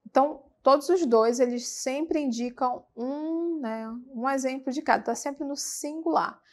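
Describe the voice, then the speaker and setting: A woman with a Brazilian accent teaching a televised English lesson, patiently repeating words slowly for students. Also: high voice. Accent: Brazilian Portuguese. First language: Portuguese.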